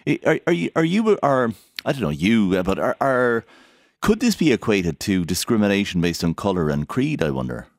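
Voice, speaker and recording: An Irish man co-hosting a radio show, putting informal questions in a halting way and rephrasing as he goes. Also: on the low side, very animated, no room sound. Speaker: radio co-host. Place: dry radio studio.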